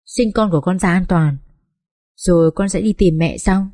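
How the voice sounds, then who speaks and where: A woman voicing a young daughter who pleads softly with her mother. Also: lowish voice, normal speed, dry recording, clean studio sound, lightly acted. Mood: pleading. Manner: soft, pleading.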